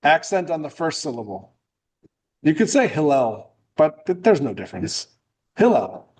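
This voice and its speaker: A man's voice: a little high, sing-song, moderate pace, darkish tone. A middle-aged man from New England giving a friendly, joking talk at a club meeting, loose and full of restarts. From New England, USA. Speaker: guest speaker. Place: meeting room.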